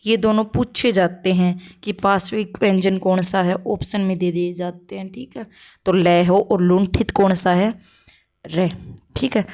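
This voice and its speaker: A woman teacher runs through an exam-prep grammar lesson in a middle-pitched voice. She fires off questions and answers them herself in a steady drill. She keeps checking understanding with short "okay" tags between points.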